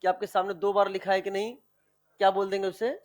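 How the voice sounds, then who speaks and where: High-voiced man quizzing a chemistry class. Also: completely flat delivery. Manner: quizzing students with repeated questions, drawn-out key words; affectionate, calls students dear children. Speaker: chemistry teacher. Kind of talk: classroom lecture with online students.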